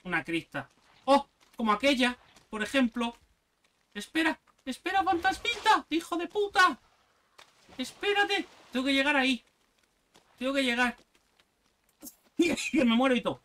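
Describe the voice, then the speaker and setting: A man giving casual gameplay commentary, excitable and sarcastic, swearing often. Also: extremely high pitch, moderate pace, pauses often. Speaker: gaming youtuber.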